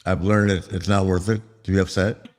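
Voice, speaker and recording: A man's voice: low-pitched, little pitch movement, a little fast. A middle-aged or older man reminiscing candidly in conversation, emphatic and aggrieved. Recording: reverberant hall.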